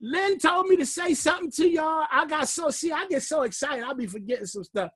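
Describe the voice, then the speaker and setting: A man leading a class on a recorded call, delivering it like a fiery preacher, shouting one moment and murmuring the next, and out of breath. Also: very high-pitched, lively intonation, a little fast, noisy background. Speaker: class leader. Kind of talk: motivational teaching call.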